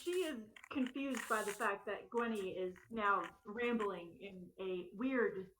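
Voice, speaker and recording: A woman's voice: medium pitch, a little slow, fairly bright tone, a little hiss or hum, low-quality recording. A woman describing her character's actions in a tabletop game, hesitant and full of fillers. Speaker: player.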